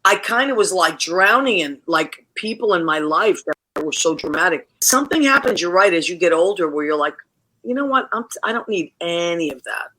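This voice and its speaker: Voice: medium pitch, lively intonation, moderate pace, pushed and bright. A host in their forties, chatty and enthusiastic, asking questions in a casual interview. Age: 40s.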